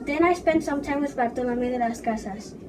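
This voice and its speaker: A woman playing a young male colonial governor in a first-person history presentation, reciting haltingly with fillers. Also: sits high, lightly acted. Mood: earnest. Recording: distant mic with background noise.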